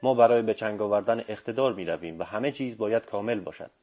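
A man's voice: on the low side, darkish tone, muffled recording, voice pushed down, close to an everyday voice. A man reading the lines of a teasing, commanding old male sorcerer in an audiobook, firm and full of authority.

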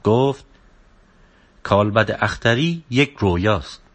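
A man reading a book aloud as a narrator, with a steady, subdued delivery. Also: on the low side. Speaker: audiobook narrator.

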